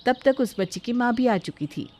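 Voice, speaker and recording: A woman narrating a moral story in a steady, scripted storytelling manner. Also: fairly high pitch, normal speed.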